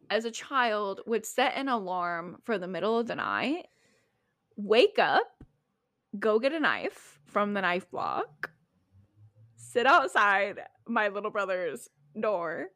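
A young woman co-hosting a casual podcast, telling stories in an animated, giggly way on a close mic. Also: mid-range voice, slow pace. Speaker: podcast co-host. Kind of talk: casual chat.

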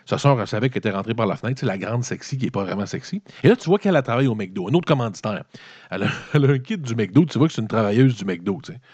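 Racing along in a medium-pitched, slightly rough voice, this Québécois-accented man swears his way through a funny, meandering movie recap. The delivery is animated and colloquial, captured in a dull, dry, lo-fi recording.

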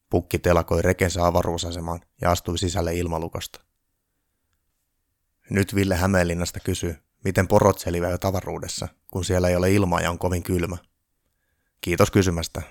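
A man reading a humorous Christmas story aloud in a dry, deadpan way. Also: deep voice, no room sound.

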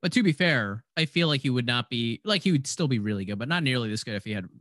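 A young man in casual sports chat, animated and ranty, swearing freely as he gets fired up. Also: medium pitch, fast, no room sound, studio quality. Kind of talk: casual fantasy football chat.

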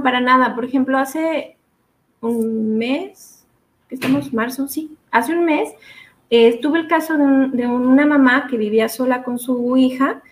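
A woman with a Mexican accent and a fairly high voice speaks as a psychologist guest. She tells a case in a relaxed, conversational way, with frequent fillers. The voice sits a little above the usual for women. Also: a little hiss or hum. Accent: Mexican Spanish. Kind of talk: casual interview chat.

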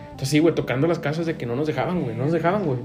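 Young northern Mexican podcast host, quick and crude storyteller, with light guitar music behind. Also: male voice, on the high side, a little mellow. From Monterrey, Mexico. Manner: slangy, profane, quick anecdote teller. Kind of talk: casual storytelling chat.

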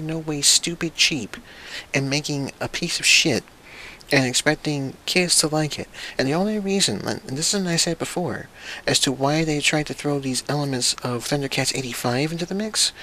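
Bright-voiced man ranting about a cartoon. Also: mid-range voice, slight background noise, poor audio. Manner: profane, exasperated, acts out mocking voices. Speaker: cartoon reviewer. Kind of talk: ranting review monologue.

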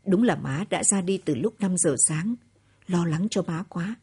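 Husky woman reading a story. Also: lowish voice, measured pace, dark tone. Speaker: narrator.

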